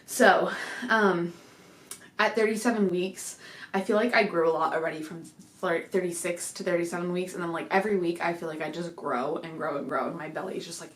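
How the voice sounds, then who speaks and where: A woman's voice: fairly low pitch, steady tone, brisk, roomy sound. A young woman chatting casually to camera in a rambling home vlog, a little out of breath, with lots of fillers. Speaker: vlogger. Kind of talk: casual pregnancy update vlog. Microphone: desk microphone.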